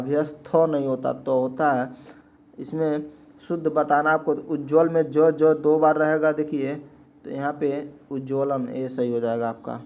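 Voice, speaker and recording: Male teacher, slightly higher voice, repetitive Q&A explainer for exam prep. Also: darkish tone. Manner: repetitive question-and-answer explaining.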